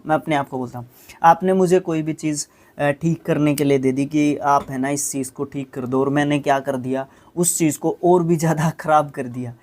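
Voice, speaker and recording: A man's voice: fairly high pitch, a little mellow. A man teaching English vocabulary, explaining patiently, checking in with listeners at every step and sounding out hard words syllable by syllable. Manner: explains patiently with constant tag questions. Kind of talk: vocabulary lesson.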